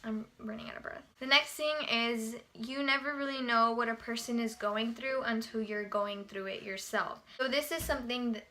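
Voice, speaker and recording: A young woman talks straight to her camera in a relaxed vlog, earnest and full of filler words. Her voice sits a little high and rings bright and forward. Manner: earnest, chatty, heavy use of fillers like "you know" and "like". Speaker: vlogger. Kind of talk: casual talking-to-camera vlog.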